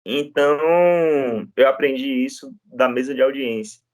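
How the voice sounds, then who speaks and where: A man's voice: medium pitch, a little slow, no echo, studio quality. A male law lecturer with a Brazilian Portuguese accent, teaching in an informal, storytelling way and often checking in with his listeners. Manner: chatty, storytelling, frequent tag questions.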